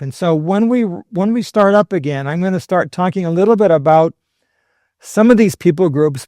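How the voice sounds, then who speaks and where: A man's voice: fairly high pitch, a little mellow, dry recording, clean studio sound. A man speaking as a historian guest on a podcast, explaining in a conversational lecture style with wry humorous asides.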